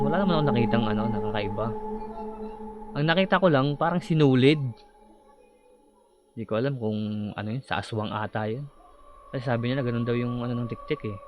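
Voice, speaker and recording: A man casually telling a personal horror story about sleep paralysis, halting and acting out his own shouts. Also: mid-range voice. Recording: slightly dull audio with clear background noise.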